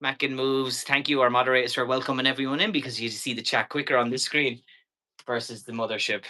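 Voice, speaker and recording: A man hosts a live online sale in a bright, forceful voice at a middling pitch. He talks casually to viewers as he sells, rambling along chattily and dropping in jokey asides. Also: fairly even intonation, fast talker. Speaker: live shopping show seller and host. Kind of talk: casual live-stream sales chat.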